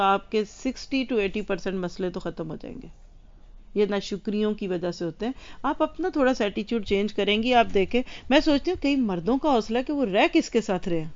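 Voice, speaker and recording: Woman religious teacher, earnest, talks straight to her listeners, smooth tone, dull lo-fi sound. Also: medium pitch, darkish tone. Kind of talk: religious lesson to women.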